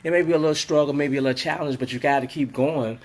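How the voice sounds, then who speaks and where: A man who is under the weather, his voice rumbling, hosts a casual motivational live stream from inside his closed hair salon, talking into a phone. He rambles and repeats himself, with many fillers. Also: fairly even intonation, quick pace, a little mellow. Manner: rambling, repetitive pep talk with many fillers.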